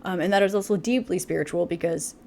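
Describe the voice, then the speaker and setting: A woman's voice: on the low side, quick pace, a little mellow, a little hiss or hum. A woman giving a casual tarot reading to camera, chatty and full of fillers, laughing often. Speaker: tarot reader.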